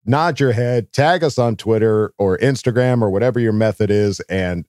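Brief: hoarse, lowish-voiced man, podcast co-host, excitable and rambling, very dry sound. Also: dry recording. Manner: rambling, halting restarts; excitable fan energy. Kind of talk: casual sports podcast chat.

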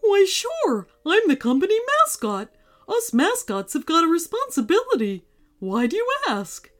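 Woman doing a very high, squeaky Mickey Mouse voice. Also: huge pitch swings, unhurried, a bit bright, full character voice. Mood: chirpy, proud. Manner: folksy, gushing, wholesome. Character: cheerful, kindly cartoon mouse theme-park mascot, male. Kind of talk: children's storybook character voice.

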